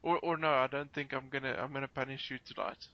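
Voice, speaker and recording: A man's voice: medium pitch, fairly even intonation, quick pace, no echo. A man hosting a casual podcast chat, polite and often repeating words as he goes. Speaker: podcast host. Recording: dull, lo-fi online call.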